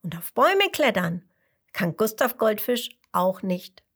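A woman voicing a tiny, boastful male mosquito in a storybook read-aloud, talking eagerly and loudly. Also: mid-range voice, big pitch swings, measured pace, breathy edge, heavily acted. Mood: excited. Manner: eager, loud, show-offy. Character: small boastful male mosquito, excited chatterbox.

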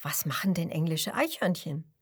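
A woman's voice: low-pitched, expressive, normal speed, husky. A woman voicing a cheerful young male frog from France who chats proudly about his home. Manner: friendly, chatty, proud of home.

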